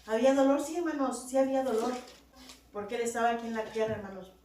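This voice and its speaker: A woman's voice: a little high, fairly even intonation, quick pace, warm tone. A woman preaching a sermon in a church, often calling out to her "brothers" and asking "right?", her voice climbing to emphatic peaks. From Latin America. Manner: repeats "hermanos" and "verdad" constantly, rising to emphatic peaks. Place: church hall. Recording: very echoey hall, mic from far off, faint noise.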